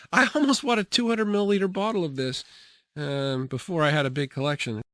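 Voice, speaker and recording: A young man chatting casually about his fragrances, relaxed, with many fillers and frequent laughs. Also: a little high, a little fast, no echo, studio quality. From grew up partly in the Bahamas and Jamaica. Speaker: fragrance reviewer. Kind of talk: casual product review.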